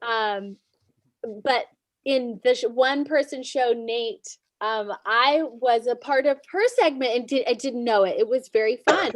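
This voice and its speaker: A woman's voice: on the high side, unhurried, no echo. A woman chatting casually with improv friends, telling a story with a laugh in her voice. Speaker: improv performer. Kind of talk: casual group chat on a video call.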